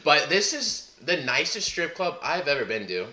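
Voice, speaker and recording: A man co-hosting a podcast, telling stories in a casual, laughing, animated way. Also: on the high side, moderate pace, echoey room, a crowd in the background. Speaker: podcast co-host. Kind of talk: casual storytelling chat.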